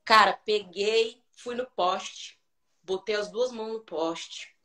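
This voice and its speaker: A Brazilian singer, appearing as a guest on a live stream, tells a story from her childhood. Her retelling is dramatic and animated, delivered slowly at a medium pitch.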